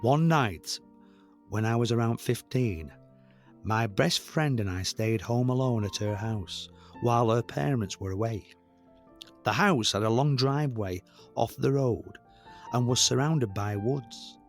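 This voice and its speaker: A man co-hosting a comedy podcast, reading out a spooky story in a low, hushed voice. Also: measured pace, soft background music. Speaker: co-host.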